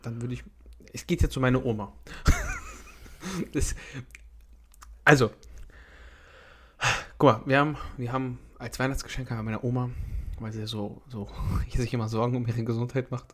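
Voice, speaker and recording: A man's voice: mid-range voice, level tone, moderate pace, pauses often. A young man on a casual podcast who talks bluntly and jokes around. He often turns to speak straight to the listeners. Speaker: podcast co-host.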